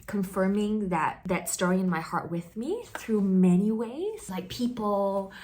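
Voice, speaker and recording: A woman's voice: mid-range voice, expressive, measured pace, noisy background. A young woman from Singapore, chatting casually to camera while getting ready, full of "like" and "you know". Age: young adult. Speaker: vlogger.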